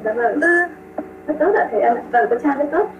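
A woman teaching pronunciation online over a video call. She models sounds slowly, repeats them and praises her students. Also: fairly high pitch, lively intonation, recorded from a distance, background noise. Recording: tinny call audio with music behind.

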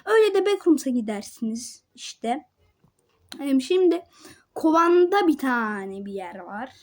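A woman with a high-pitched voice comments on the game she is playing at a slow pace. She talks to her viewers like friends, with quiet muttered asides and frustrated outbursts. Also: sing-song. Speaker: gamer. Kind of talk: gameplay commentary.

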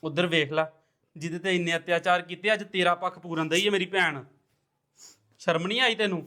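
A man's voice: high voice, steady tone, fairly quick. A man playing a young husband who angrily accuses his wife of mistreating his mute sister. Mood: scolding. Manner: angry, accusing, shouting. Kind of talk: amateur family drama acting.

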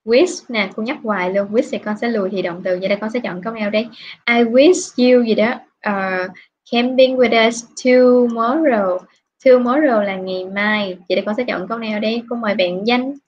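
A woman English teacher from Vietnam, patiently questioning students in an online class over a video call. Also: medium pitch. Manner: patient, questioning, drawn-out prompts. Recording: dull lo-fi online class audio.

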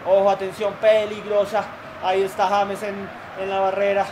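Colombian man, young, very high voice, excitable gameplay commentary, shouts at the screen, noisy background. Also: normal speed. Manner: excitable, shouts and groans at the game. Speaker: gaming YouTuber.

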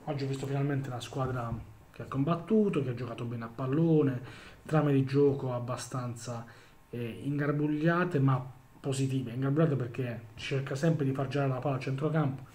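A man giving a casual post-match football vlog, talking haltingly with many restarts and repeated words. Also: medium pitch, a little mellow. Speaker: football fan vlogger.

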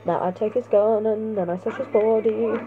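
A young woman giving playful, excitable let's play commentary and talking back at the game as she plays. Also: mid-range voice, normal speed. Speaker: gaming channel host. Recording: tinny phone-like mic sound.

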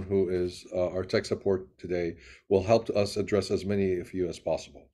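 Fast-talking man hosting a webinar. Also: on the low side, warm tone. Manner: quick, with frequent uh fillers and restarts. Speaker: webinar host and interviewer. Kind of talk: introducing a guest and interviewing.

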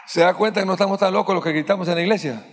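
A man preaching a sermon as pastor, questioning the congregation and rising to shouts at the peaks. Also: high voice, rapid-fire. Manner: rises to shouting at climaxes. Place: large church sanctuary. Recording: long hall reverb from a church.

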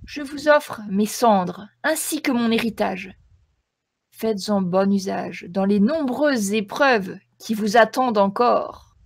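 A woman's voice: mid-range voice, takes it slowly, vocal fry, a little hiss or hum. A woman voicing the ghost of a noble old wizard, grave, sepulchral and formal, in a tabletop game. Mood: solemn, grateful.

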